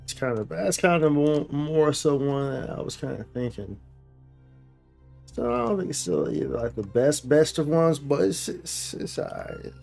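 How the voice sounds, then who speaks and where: This gameplay streamer thinks aloud casually, leaning on slang and repeated phrases, with faint game music in the background. His high-leaning voice is gravelly and darkish, swinging widely in pitch at a moderate pace.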